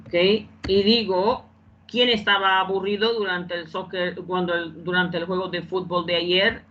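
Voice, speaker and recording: A woman's voice: fairly low pitch, flat delivery, unhurried, a bit bright, highs cut off. A woman teaching English in Spanish in an online class, repeating phrases and often checking that students follow.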